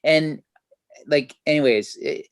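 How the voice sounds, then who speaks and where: A man's voice: fairly high pitch, takes it slowly, creaky, dry recording, studio quality. A man hosting a video-call interview, chatty and enthusiastic, with many fillers. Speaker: host. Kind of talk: casual interview.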